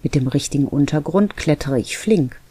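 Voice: medium pitch, lively intonation, moderate pace, warm tone, breathy edge, no room sound. A reader voicing a thoughtful young cat who longs to climb a church roof, earnest and a little defensive, in an audiobook. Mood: wistful. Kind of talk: audiobook reading.

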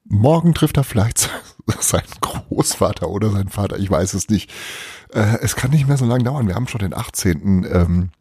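A man's voice: lowish voice, moderate pace, breathy edge, no room sound, studio quality. A man reading a children's advent story aloud, then chatting casually about it as host. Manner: expressive, hushed at times, chatty aside.

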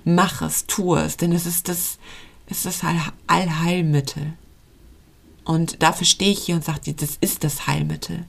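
A woman's voice: fairly low pitch, steady tone, measured pace, vocal fry, breathy edge. A woman coaching on intuitive eating in a podcast monologue, earnest and pleading as she speaks straight to the listener.

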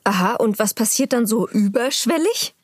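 A woman's voice: fairly high pitch, expressive, moderate pace, no echo, studio quality. A woman hosting a podcast in a playful interview sketch, teasing her guests and cutting off their rambling. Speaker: podcast host.

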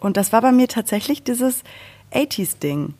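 A woman's voice: on the high side, animated, normal speed, dark tone. A woman chatting casually and frankly on a podcast, voicing firm opinions.

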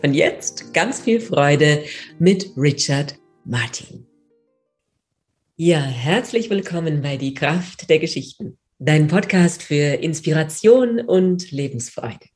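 A woman hosting a podcast interview, speaking in a measured, welcoming way. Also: low-pitched, lively intonation, darkish tone, faint music behind. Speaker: podcast host.

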